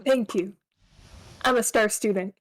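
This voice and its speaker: A woman voicing a meek, polite, easily upset young female college student testifying in a comedic courtroom game read-along, halting and sweetly earnest. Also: mid-range voice, close to an everyday voice. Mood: timid, polite.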